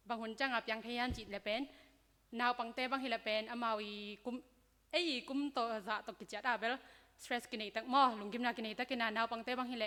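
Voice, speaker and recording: A woman addresses a church youth gathering, walking them through health topics in a loose, conversational way full of fillers. Her voice sits a little high and sounds bright and forceful. The sound carries the long reverb of a large hall. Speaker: speaker at a church youth seminar. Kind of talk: informal health talk to young people.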